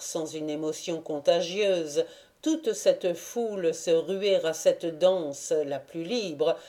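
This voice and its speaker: A woman narrating a classic novel as an audiobook in a measured, deliberate reading. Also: fairly low pitch, dark tone.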